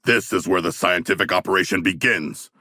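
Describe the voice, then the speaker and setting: A man playing a hulking, earnest shark warrior in a video game, speaking in stilted, grandiose, formal phrases with a gravelly, rough voice. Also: sits low, a little fast, bright, forceful tone, no room sound, clean studio sound. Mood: calm, formal. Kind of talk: video game character voice lines.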